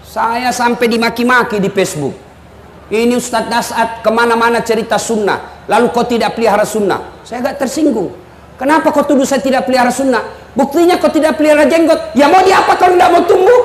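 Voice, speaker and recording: A man preacher giving a lively, teasing sermon to a live audience, speaking to them directly. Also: extremely high pitch, fairly quick. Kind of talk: humorous sermon. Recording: echoey hall with faint room noise.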